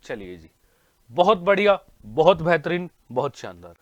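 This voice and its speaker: An energetic Indian man teaches vocabulary to exam students, mixing Hindi with English words and asking the class the same question over and over. His voice sits high for a man, recorded dry and close to the mic. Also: normal speed, no room sound, muffled recording. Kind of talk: online exam-prep class.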